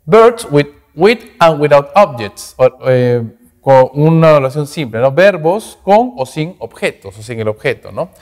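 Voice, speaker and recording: A man's voice: on the high side, very animated, unhurried. A man teaching English grammar in a recorded class lecture, explaining in Spanish and ending phrases with "¿no?" and "¿ok?". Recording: echoey hall reverb.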